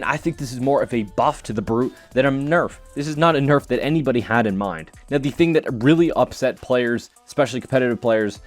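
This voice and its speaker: A man delivers gaming commentary straight to his viewers, opinionated and sometimes sarcastic. His voice sits at an ordinary middle pitch. Faint music plays underneath.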